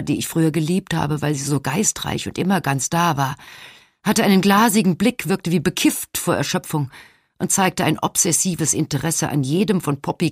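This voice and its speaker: A woman reading a novel aloud in the first person as an audiobook narrator, measured and expressive. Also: deep voice, husky, no echo, clean studio sound.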